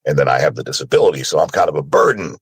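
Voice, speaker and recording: Rapid-fire and expressive, a very deep, husky male voice comes through with no echo. He's a panelist and voice actor, originally from Sri Lanka and brought to America young, talking openly and casually about himself while often checking in with the listener.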